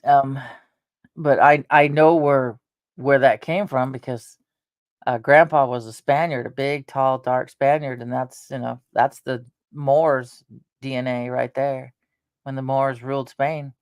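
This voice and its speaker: A woman in her fifties chats unhurriedly, drifting from one thought to the next with plenty of pauses and restarts. Her voice is close and dry, with no room sound around it. She has an easygoing, offhand way of talking. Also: a bass voice, steady tone, no echo. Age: 50s. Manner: meandering, with frequent hesitations and restarts. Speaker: channel host. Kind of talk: rambling casual chat.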